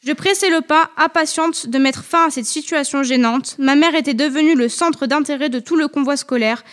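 Femme au ton posé, voix haute. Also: female voice, sits high. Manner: measured, intimate, literary. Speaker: audiobook reader. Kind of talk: first-person literary narration.

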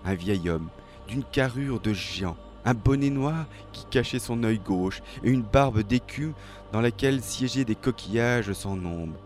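A man reading a dramatic story aloud in a slow, measured, expressive way. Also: medium pitch. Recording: faint music behind.

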